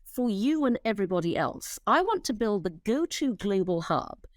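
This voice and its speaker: A middle-aged woman talks with a lively, swooping pitch, sounding emphatic and blunt as she makes her case. She swears freely and trips over restarts when she gets going. The sound is dry and close, with little room echo. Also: moderate pace. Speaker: interview guest, company founder. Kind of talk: animated interview talk.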